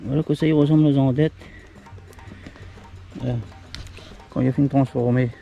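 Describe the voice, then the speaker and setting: A middle-aged man with a Réunionese French accent explains his foraging in plain, halting talk. His voice sits at an ordinary middle pitch. Faint music runs beneath him. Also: steady tone, gravelly, narrow, tinny audio. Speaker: outdoor video host. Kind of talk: casual narration while foraging and cooking. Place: forest outdoors, then home kitchen.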